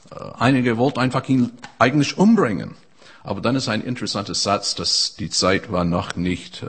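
Low husky preacher, earnest and halting, German sermon. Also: male voice, fairly bright tone. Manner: earnest, halting, with frequent restarts.

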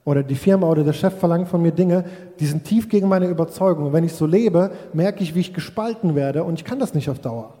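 A man's voice: on the high side, fast talker, mellow. A man preaching a sermon, reflective and speaking straight to his congregation, now and then acting out quoted voices. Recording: long hall reverb.

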